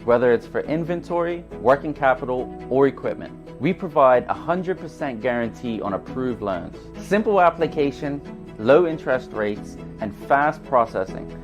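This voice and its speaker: A man reading a scripted radio advertisement in a brisk, promotional way. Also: medium pitch, expressive. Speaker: ad announcer. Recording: dull ad audio with music.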